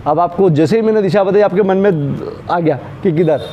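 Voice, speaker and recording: Through a muffled recording with a bit of hiss or hum comes a warm, high male voice speaking fairly quickly. He is a physics teacher lecturing a class, repeatedly asking and answering his own questions, calling students "beta" and "bhaiya," and handling props while he explains.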